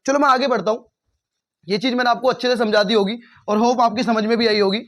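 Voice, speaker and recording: A man with a high voice and an Indian accent teaches a relaxed spoken English lesson to camera. He switches freely between Hindi and English, fills his talk with "uh" and "like", and keeps calling his viewers "guys". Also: fast talker.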